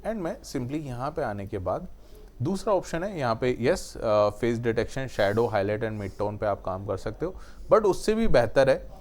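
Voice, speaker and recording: A man's voice: mid-range voice, sing-song, measured pace, darkish tone. A man teaching video editing in a screen-recorded tutorial, explaining step by step, mixing in English technical terms and often checking in with "right?". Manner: explains step by step, often adds the tag question "है ना".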